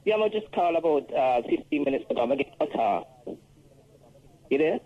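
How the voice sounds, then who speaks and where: A man's voice: a little high, animated. Man calling in on a phone line that keeps breaking up. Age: 40s. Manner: halting, repeats himself. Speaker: caller. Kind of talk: casual call-in chat. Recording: dull phone-in call with dropouts.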